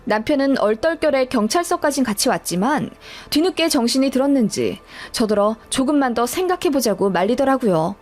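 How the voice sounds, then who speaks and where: A woman's voice: high voice, a little fast, few pauses, faint music behind. A woman narrating a dramatic story in a scripted first-person telling. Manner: animated, dramatic retelling.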